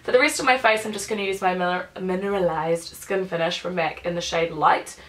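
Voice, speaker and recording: A woman's voice: on the low side, steady tone, a little fast, fairly bright tone, low-quality recording. A young woman, nasal from a cold, chatting casually while she does her makeup for her vlog. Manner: chatty, rambling, self-deprecating asides. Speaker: beauty vlogger. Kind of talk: chatty get-ready-with-me vlog.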